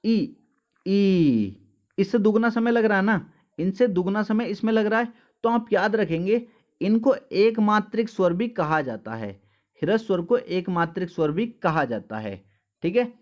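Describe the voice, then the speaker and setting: A man's voice: sits high, animated, moderate pace, dull audio. A male teacher giving an exam-prep lesson, asking questions and answering them himself, calling the students dear children. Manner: addresses listeners as dear children.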